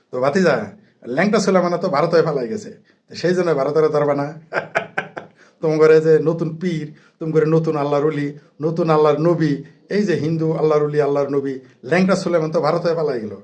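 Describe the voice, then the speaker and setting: A man's voice: fairly high pitch, darkish tone. A man delivering an angry, sarcastic political monologue full of mockery and jabs. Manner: sarcastic, mocking, combative. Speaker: political commentator.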